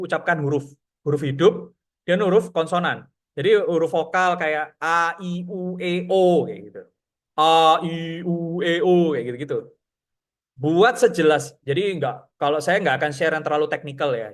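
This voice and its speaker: A man teaching public speaking in a casual, chatty way, often pausing on fillers and acting out breathing and lip-trill exercises. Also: a little high. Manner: chatty, filler-heavy, demonstrates breathing and sounds; says he has a radio announcer's voice. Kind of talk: casual online workshop lesson.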